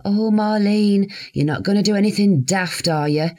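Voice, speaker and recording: A woman imitating a patronising female care worker in a high, coaxing, drawn-out sing-song. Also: mellow, natural voice.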